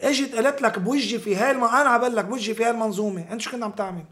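A Lebanese man with a high-pitched voice in an informal political discussion. He talks quickly and emphatically, repeating phrases and throwing out rhetorical questions in blunt, coarse language. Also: fairly bright tone.

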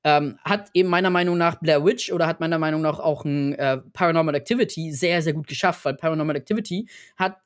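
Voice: mid-range voice, fast talker, hardly any pauses. A podcast co-host, chatting casually about films in a hesitant, thoughtful way that searches for words. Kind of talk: casual film chat.

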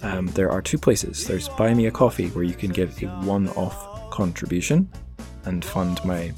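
A man speaks at normal speed in a low-pitched voice over music, hosting a podcast. It's a casual solo outro where he rambles, jokes, pokes fun at himself and chats up plugs for the show.

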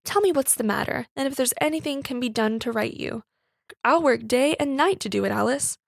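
A woman's voice: high voice, a little fast, gravelly, dry recording, clean studio sound. A woman voicing an honest working-class young man who speaks in plain rustic dialect. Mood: earnest.

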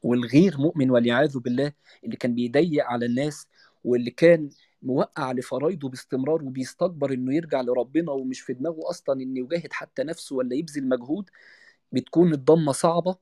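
A man's voice: mid-range voice, mellow, no room sound, studio quality. A man with an Egyptian Arabic accent giving a religious lecture, reciting scripture and then explaining it in casual everyday speech.

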